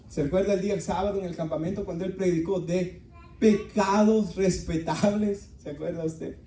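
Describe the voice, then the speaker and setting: A man's voice: sits high, mellow. A male pastor preaching earnestly to his congregation, speaking. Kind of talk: sermon. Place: church hall. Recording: echoey room, voice from far off.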